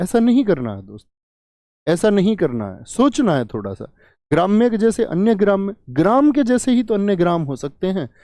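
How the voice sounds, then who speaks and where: A man's voice: on the high side, mellow, dry recording, studio quality. A man teaching Hindi grammar in a live online exam-prep class, asking questions and repeating key words. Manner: asks and answers his own questions, repeats key words.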